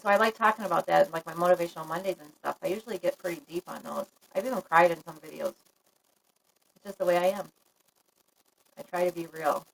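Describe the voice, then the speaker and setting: A woman's voice: lowish voice, quick pace, gravelly, rough recording. A woman live-streaming a casual chat to her viewers, talking frankly and laughing often. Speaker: livestream vlogger.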